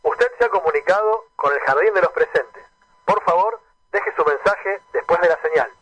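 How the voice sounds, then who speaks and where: A man's voice: on the high side, lively intonation, moderate pace, fairly bright tone, slight background noise, low-quality recording. Man's voice on an answering machine greeting.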